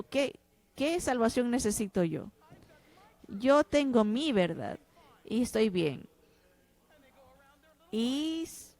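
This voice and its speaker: A woman's voice: fairly high pitch, a little mellow, dry recording. A woman interpreting a pastor's sermon, preaching with passionate emphasis. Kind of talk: dubbed sermon.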